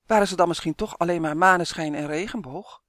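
Steady, clear children's storybook narrator; mid-pitched, dry studio sound. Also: a little fast, no echo. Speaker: audiobook narrator.

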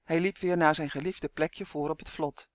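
Casting: a male storybook narrator, fairly high voice, clear and even, dry close studio sound. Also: normal speed, dry recording. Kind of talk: audiobook narration.

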